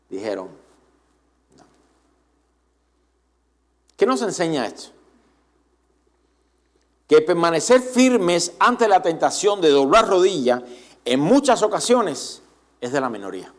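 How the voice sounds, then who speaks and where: A man preaching a Sunday sermon in church as pastor, animated and often asking the congregation direct questions. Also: fairly high pitch.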